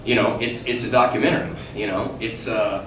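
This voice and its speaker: A guest actor at a fan Q&A tells casual stories, swearing freely, laughing, and restarting his sentences again and again. His voice sits on the low side, steady and a little fast, with some brightness. It's picked up from far off in an echoey hall, with ambience and a little hiss or hum.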